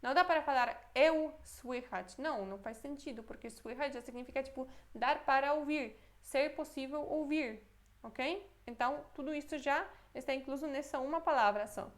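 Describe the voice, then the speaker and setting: A woman with a Brazilian accent teaches a language lesson in a slightly high voice. She repeats each word slowly and keeps checking that the learner follows. Now and then she stops to think aloud and correct herself. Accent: Brazilian Portuguese. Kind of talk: Portuguese-language Polish lesson.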